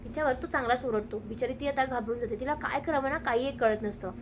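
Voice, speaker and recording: A woman rapidly retelling a TV serial episode, slipping into the characters' lines as she goes. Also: sits high, background noise. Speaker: narrator recapping a TV serial. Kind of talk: fast storytelling recap with acted quotes.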